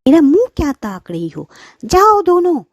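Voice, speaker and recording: A woman's voice: sits high, huge pitch swings, normal speed, dry recording, voice pushed up, heavily acted. A woman doing a nagging, greedy mother. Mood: scolding. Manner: scolding, nagging. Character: scolding mother, bossy and greedy.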